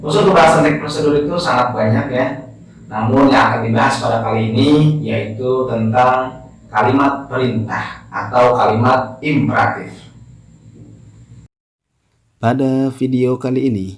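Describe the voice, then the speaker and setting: A man explaining a grammar lesson slowly and deliberately. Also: medium pitch. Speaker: teacher. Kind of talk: recorded lesson.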